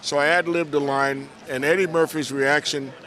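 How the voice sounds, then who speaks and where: An older American man, a guest at an outdoor event, telling animated anecdotes and acting out the voices in a relaxed interview. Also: fairly high pitch, normal speed. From United States. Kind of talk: casual storytelling interview.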